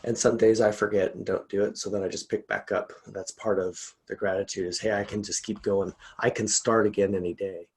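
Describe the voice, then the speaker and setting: A man's voice: lowish voice, little pitch movement, fairly quick, few pauses, a little mellow, slightly rough. A man, a guest executive coach, chatting casually over a video call from his home, rambling and laughing often.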